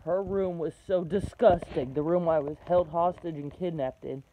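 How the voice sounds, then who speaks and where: A man in his twenties telling a personal story, blunt and halting, swearing often, with strong emotion. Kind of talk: personal testimony to camera. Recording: dull low-fi recording with background noise.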